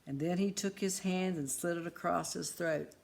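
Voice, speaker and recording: Lower-voiced woman reading a storybook. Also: moderate pace, gravelly. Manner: expressive, lively.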